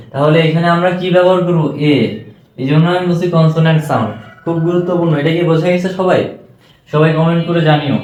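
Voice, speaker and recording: A man's voice: a little high, a little mellow. A man with a Bangladeshi Bengali accent giving an exam-prep English lecture, often checking whether students have understood. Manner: keeps asking students if they understood. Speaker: English teacher. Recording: echoey room.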